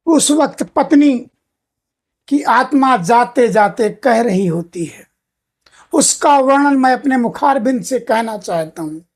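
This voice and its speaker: Slow, earnest woman narrator. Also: fairly high pitch, darkish tone. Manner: earnest, addressing husbands directly. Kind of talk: moral narration.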